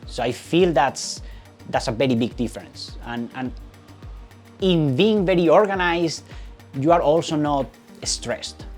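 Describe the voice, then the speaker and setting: A woman's voice: low-pitched, unhurried, a little mellow, soft background music. A woman talking earnestly in an interview as a team member, often restarting and repeating words. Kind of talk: interview talk.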